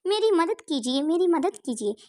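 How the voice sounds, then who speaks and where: A woman voicing a sharp-witted young college woman in a spoken story. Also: very high voice, sing-song. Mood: crying out. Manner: brisk, dismissive.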